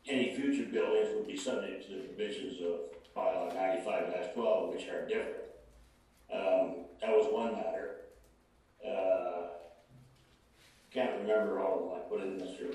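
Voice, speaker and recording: A man advising a town council over a remote call line that cuts in and out, speaking in a halting way with frequent fillers. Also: lowish voice, darkish tone. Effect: heard over a remote call line, cutting in and out. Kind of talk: remote council meeting remarks. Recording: echoey, distant call audio.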